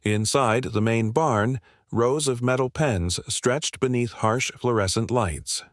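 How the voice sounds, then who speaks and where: A man reading a heartfelt animal story aloud in a measured, steady storytelling manner. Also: medium pitch, dry recording, clean studio sound. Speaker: narrator. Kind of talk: scripted story narration.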